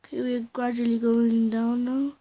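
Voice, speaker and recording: A woman's voice: on the high side, flat delivery, moderate pace, warm tone. A woman thinking aloud in casual gameplay commentary while flying a plane in a simulator at home. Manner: rambling, chatty, thinking aloud. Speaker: flight sim player. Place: at home, indoors.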